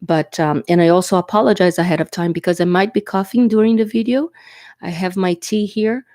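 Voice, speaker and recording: A Portuguese-speaking woman sits at an indoor table giving a chatty, reassuring tarot reading to camera, often asking "okay?" and sounding congested, coughing from allergies or a cold. Her voice is fairly low, dark and fairly even, and brisk, in studio quality with no room sound.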